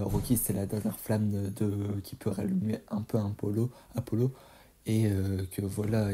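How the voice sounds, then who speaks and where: A man's voice: fairly low pitch, mellow, slightly rough. A young man giving a casual, hesitant spoken film review, full of fillers and restarts.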